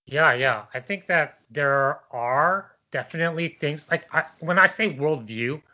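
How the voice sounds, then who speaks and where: Sharp in tone and a little high, his voice moves slightly slowly, with the upper frequencies cut off. He debates casually, musing out loud in a tentative, meandering fashion and tacking on questions to win agreement.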